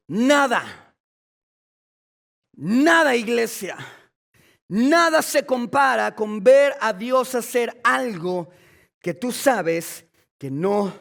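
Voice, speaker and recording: A man preaching a sermon to his church, impassioned, with quick asides to the congregation that build into shouting. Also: high voice, creaky. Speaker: pastor.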